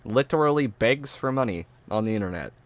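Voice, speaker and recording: A man's voice: fairly low pitch, expressive, brisk, dry recording. A man streaming a reaction, ranting bluntly and swearing often, stumbling over his words. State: stuttering, drinking an energy drink. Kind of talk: casual profane reaction commentary.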